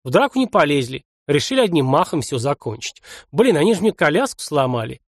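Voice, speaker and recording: A man playing a weak, hoarse man in his fifties. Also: on the high side, sing-song, no echo, studio quality. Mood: wry. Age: 50s. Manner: hoarse, halting, wry inner talk. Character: weak bedridden man waking in a stranger's body.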